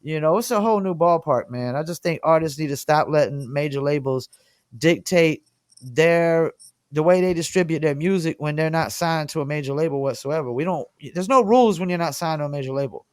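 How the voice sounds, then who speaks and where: High-pitched animated podcast host man. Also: brisk, clean tone, no room sound, studio quality. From North Carolina, USA. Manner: animated, slangy, wry. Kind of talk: casual interview chat.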